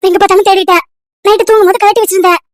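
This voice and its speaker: An anxious young wife in a cartoon story, voiced by a woman, very high-pitched and pleading, with a flat, insistent line. The read is dry and close, with no room sound. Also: racing, no room sound. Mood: distressed. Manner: pleading, repeating questions over and over.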